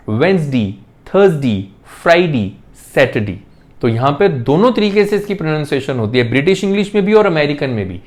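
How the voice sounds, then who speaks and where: A man teaching English pronunciation in an online lesson. He explains in Hindi mixed with English and says example words slowly, repeating each one. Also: high voice, darkish tone.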